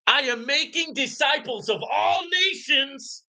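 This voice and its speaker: This livestream host shouts through live Q&A commentary, preaching emphatically and tacking "right?" and "man" onto his lines. His extremely high voice is gravelly, bright, and forceful, with lively intonation and a slightly slow delivery.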